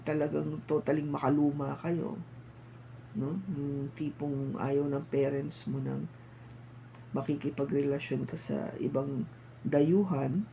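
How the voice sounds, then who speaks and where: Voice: medium pitch, creaky, warm tone, slight background noise, rough recording. A tarot reader with a Filipino accent giving a casual, chatty reading and coaxing listeners with frequent tag questions. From Philippines.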